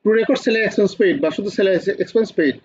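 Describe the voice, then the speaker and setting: Fast-talking high-voiced male teacher. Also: darkish tone, husky, lo-fi sound. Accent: Bangladeshi Bengali. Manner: quizzes students with repeated questions. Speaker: accounting teacher. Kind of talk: online class lecture.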